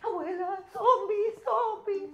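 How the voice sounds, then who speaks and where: A woman's voice: very high-pitched, slow, lo-fi sound, voice pushed up, heavily acted. A woman with a Mexican accent voicing a frightened little boy who screams in panic. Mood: terrified shouting. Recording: echoey room with ukulele music.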